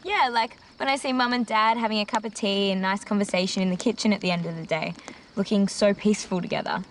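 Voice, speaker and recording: A woman's voice: mid-range voice, quick pace, a little hiss or hum, lightly acted. An actress playing a thoughtful, dreamy teenage girl in her late teens who muses aloud, in film dialogue. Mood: musing. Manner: reflective, musing, and sometimes prim. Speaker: high school student.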